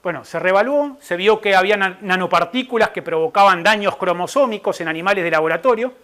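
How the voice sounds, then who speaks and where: Speaking with an Argentine Spanish accent, this middle-aged man delivers a casual nutrition lecture to a live crowd, his fairly bright voice pitched rather high for a male. His manner is patient and explanatory, and he often tosses in "¿verdad?" or "¿eh?" to make sure listeners are following.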